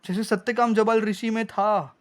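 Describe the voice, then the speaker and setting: Male debate host, high voice, presses his point hard and cuts back in. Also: steady tone, normal speed. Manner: insistent, keeps demanding to be heard. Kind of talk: heated religious debate.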